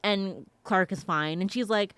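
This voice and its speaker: A woman's voice: medium pitch, a little slow, fairly bright tone, clear, resonant tone, dry recording. Chatty woman co-host, dry sound. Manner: chatty, laughs while talking. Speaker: podcast co-host. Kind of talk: casual chat.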